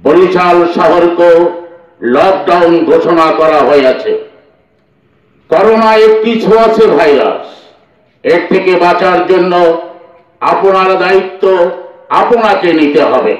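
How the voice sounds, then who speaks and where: A man making a formal public announcement through a loudspeaker, slow and measured, declaiming in short phrases. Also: high-pitched, expressive. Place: outdoors in a village. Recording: distant, echoey, dull loudspeaker sound.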